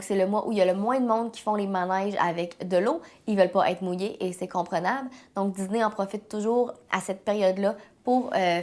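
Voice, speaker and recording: A woman with a Quebec French accent hosting a casual news vlog, sounding nasal and stuffed up with a head cold, speaking informally and hesitantly. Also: medium pitch. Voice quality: nasal, congested. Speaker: host of a weekly theme park news vlog. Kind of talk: casual news update to viewers.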